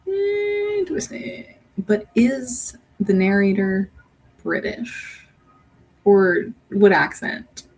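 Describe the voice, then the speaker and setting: A woman's voice: mid-range voice, extremely slow, a little mellow, slightly rough, low-quality recording. A woman hosting a casual livestream. She talks in a chatty, giggly, rambling way, often restarting her sentences. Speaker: livestream host.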